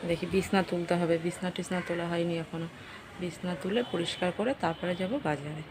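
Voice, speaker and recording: A middle-aged woman talking casually to her vlog viewers in a brisk, practical way about her chores and cooking. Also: on the low side, little pitch movement, noisy background. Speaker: vlogger's mother.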